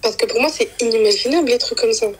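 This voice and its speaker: A woman's voice: fairly high pitch, breathy edge, poor audio. A young woman telling her own story in casual slang, repeating herself, acting out what others said, emotional and in denial. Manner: rapid colloquial slang, repeats herself, acts out quoted dialogue. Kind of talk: casual confessional chat.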